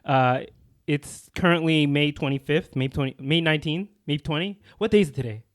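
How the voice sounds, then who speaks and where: A young man with a slight lisp co-hosting a podcast, talking loud, fast and full of energy in casual chat. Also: on the high side, no room sound, clean studio sound. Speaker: podcast co-host.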